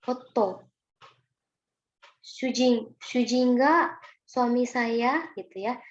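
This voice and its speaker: A woman's voice: a little high, very slow. A woman with an Indonesian accent teaching Japanese kanji in a recorded online lesson, patient and chatty, often calling her students "minasan". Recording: roomy, dull lo-fi recording with faint noise.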